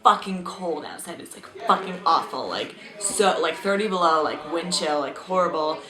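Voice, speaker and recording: A young woman from Alaska talks in a lowish voice, animated and profane, as she answers an interviewer. The room is echoey and a crowd murmurs behind her. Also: moderate pace. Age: young adult. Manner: animated, swearing, acts out loud voices.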